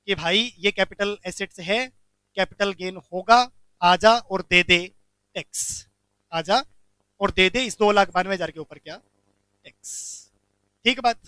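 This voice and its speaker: A man teaching a commerce lecture, animated, asking the class questions and answering them himself. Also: high-pitched, clear, resonant tone, no echo.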